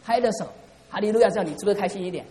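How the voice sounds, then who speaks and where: Racing through his sermon, a middle-aged pastor speaks in a high-pitched, mellow voice, fervently calling for responses from the congregation. The church hall recording is reverberant, with a little hiss or hum.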